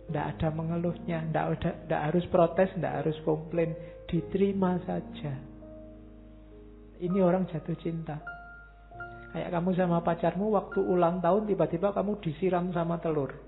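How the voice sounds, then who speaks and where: Give me a man giving a relaxed philosophy lecture on a tinny lo-fi recording with faint music behind. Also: on the high side, normal speed, gravelly, pauses often. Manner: conversational, asks the audience rhetorical questions, homely examples. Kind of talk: casual religious philosophy lecture.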